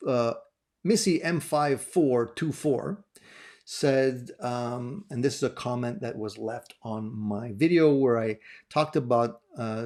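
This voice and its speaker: A man's voice: mid-range voice, a little mellow. Easygoing man chatting casually to camera. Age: adult over thirty. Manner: easygoing, frequent fillers and restarts. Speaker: guitar gear channel host. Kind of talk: casual talk to camera answering viewer questions.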